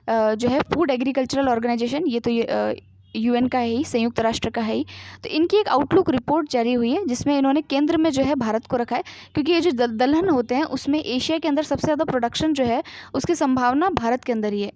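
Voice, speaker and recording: High-voiced woman teaching exam current affairs. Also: a little mellow. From India. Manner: reads news items then explains them in simple asides, with frequent fillers. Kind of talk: explanatory current-affairs lesson.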